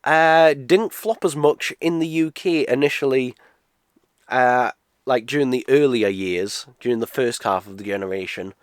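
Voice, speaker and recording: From the UK, a man in his twenties with a cold sounds nasal as he talks through a casual game unboxing review, rambling and full of uhs and restarts. His mid-range voice moves at a moderate pace, in a dry, studio-quality recording.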